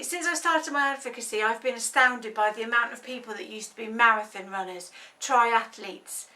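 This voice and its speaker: A woman in her thirties, speaking as a health advocate, explains an illness in an earnest, conversational talk full of ums and hesitations. Her fairly high voice sounds bright and forceful, picked up by a distant mic.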